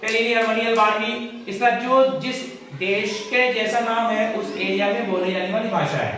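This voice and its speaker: A man giving a measured, explanatory classroom lecture, speaking directly to his students. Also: sits high, steady tone, fairly bright tone. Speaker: teacher. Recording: echoey room, far from mic, dull lo-fi sound, faint hiss.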